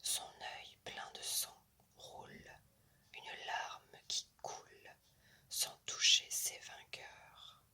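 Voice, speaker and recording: In a crisp, very bright voice made only of breath, a woman whispers classic verse for ASMR. She goes extremely slowly, placing each short, measured phrase softly and deliberately.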